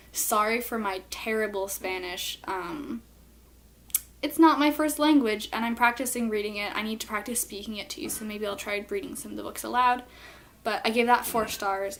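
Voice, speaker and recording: Woman, kinda high voice, casual book vlog chat, informal and hunting for words. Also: fairly bright tone. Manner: informal, hesitant, searching for words. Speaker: book reviewer.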